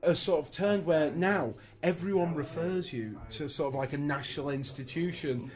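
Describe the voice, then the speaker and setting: A man's voice: a little high, normal speed. A young adult man interviewing, asking rambling questions full of fillers. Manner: hesitant, filler-heavy questions.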